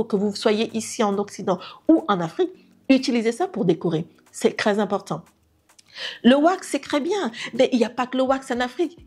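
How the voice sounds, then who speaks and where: A woman's voice: fairly high pitch, darkish tone. A middle-aged woman, a decorator, talking unscripted to camera in an earnest way, with many fillers and restarts. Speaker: interior decorator vlogger.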